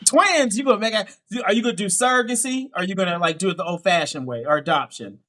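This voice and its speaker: A dating coach with a Pittsburgh accent hosts a live dating show, his voice high-pitched, animated, and sharp. He asks quick, upbeat questions and keeps affirming, often saying "okay, okay."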